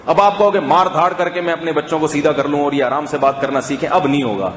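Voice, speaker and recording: A man preaching a sermon in a mosque, swinging between emphatic raised calls and hushed soft asides. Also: on the high side, reverberant, in a large hall, a little hiss or hum.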